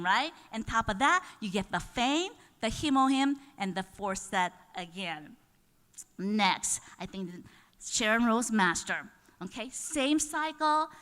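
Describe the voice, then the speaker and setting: A woman giving an enthusiastic live presentation at a sales seminar, often putting questions to the audience. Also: high-pitched. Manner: enthusiastic, rising to excited bursts; chatty, asks the room questions. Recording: reverberant hall.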